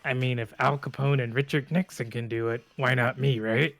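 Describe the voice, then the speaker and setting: A smug, scheming demon voice, put on by a man while playing a game, growled with as much vocal fry as he can manage. The voice sits at a middling pitch and sounds like a friendly devil tempting someone into crime. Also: steady tone, moderate pace, fairly bright tone, close to an everyday voice. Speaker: gaming streamer. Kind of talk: voicing a character in a game playthrough.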